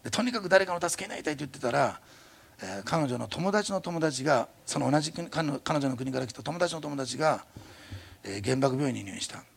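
A middle-aged man preaching a sermon at a rapid clip. His voice has a gravelly, husky edge, and his pitch jumps around lively as he tells the story. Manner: fast-talking, animated storytelling. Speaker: pastor.

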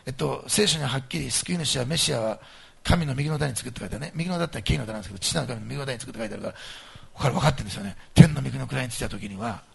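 A male pastor preaches to his congregation, emphatic and animated, shifting from soft asides to loud, stressed points. His mid-range voice is creaky with a breathy edge, and he talks rapid-fire.

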